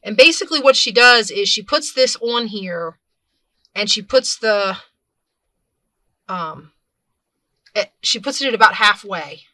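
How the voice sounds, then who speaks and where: A woman with a bright, clear voice talks viewers through a hands-on craft tutorial in a relaxed, chatty way. She narrates while her hands stay busy and often stops to rephrase or correct herself mid-sentence. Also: medium pitch, unhurried, long pauses, no echo. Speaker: craft video host.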